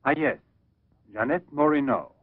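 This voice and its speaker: An actor playing a possessive, obsessed male scientist, speaking in a measured, persuasive way in an old English film dub. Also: mid-range voice, lively intonation, no echo. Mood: suave. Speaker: professor. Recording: dull, dry old film soundtrack.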